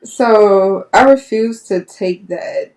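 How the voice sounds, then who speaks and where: A woman's voice: medium pitch, slow pace, darkish tone, recorded from a distance. A woman, a nurse guest on a podcast, telling a personal story candidly and acting out past conversations. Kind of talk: personal story told in an interview.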